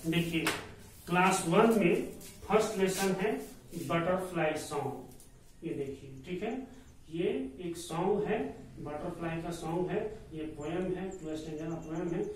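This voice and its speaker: A man teaching an online English class, spelling each word letter by letter and repeating it slowly. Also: sits high. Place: classroom with a board. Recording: echoey room, from far off, faint hiss.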